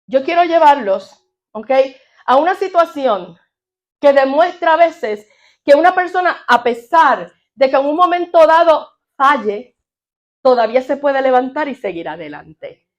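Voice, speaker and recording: A woman with a high voice preaches a sermon. She is animated and keeps putting questions to her congregation. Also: unhurried, lo-fi sound. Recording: audio of a sermon.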